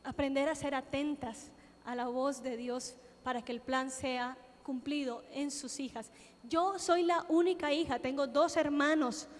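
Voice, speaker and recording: A Colombian woman preacher gives a sermon testimony, acting out her own prayers and conversations as she recounts them. Her high voice is a little slow with fairly even intonation, and a large hall's long reverb surrounds it.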